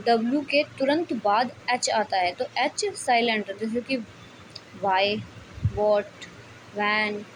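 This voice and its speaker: A young woman giving a slow, patient lesson on English spelling, often repeating herself and quizzing the listener. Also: fairly high pitch, a little hiss or hum, low-quality recording. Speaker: English teacher.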